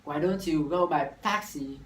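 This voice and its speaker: A Vietnamese university student in his late teens practices a scripted classroom dialogue in careful, rehearsed English with a Vietnamese accent, restarting phrases now and then. His voice is a little high and unhurried. He sounds far from the mic in an echoey room, with a faint hiss underneath.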